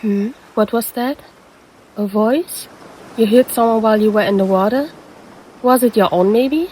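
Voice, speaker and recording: A woman's voice: on the high side, unhurried, dark tone, a little hiss or hum, close to an everyday voice, low-quality recording. A woman voicing a predatory female siren who poses as a lifeguard and teases the listener in an audio roleplay. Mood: concerned, puzzled. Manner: teasing, calls the listener handsome.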